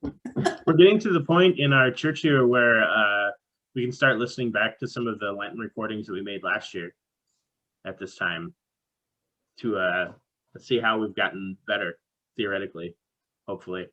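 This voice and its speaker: Guy pastor joking around and reading the bible, bright husky voice, kinda dull lo-fi sound. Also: lowish voice, moderate pace, pauses often. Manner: dry, joking, laughs at own lines. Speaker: pastor, co-host. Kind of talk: casual chat and scripture reading.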